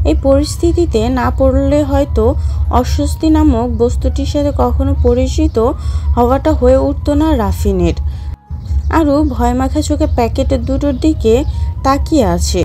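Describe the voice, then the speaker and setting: A woman narrating an audio story in a steady storytelling manner. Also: high-pitched.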